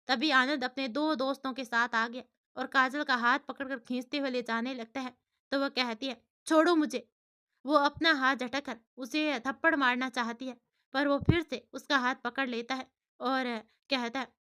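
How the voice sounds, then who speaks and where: A woman's voice: high voice, sharp tone, clean tone. A woman narrating a family story as a storyteller, reading steadily.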